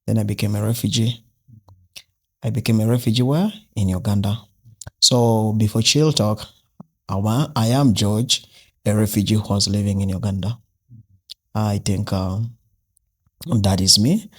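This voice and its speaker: Young man from South Sudan, podcast guest, hesitant, fillers, lowish voice. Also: fairly even intonation, measured pace, pauses often, slightly rough. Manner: hesitant, many fillers and restarts. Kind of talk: casual interview.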